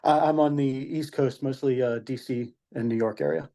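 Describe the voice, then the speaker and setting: A man introducing himself on a video call, relaxed and a bit hesitant, production manager. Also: mid-range voice, moderate pace. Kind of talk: casual self-introduction.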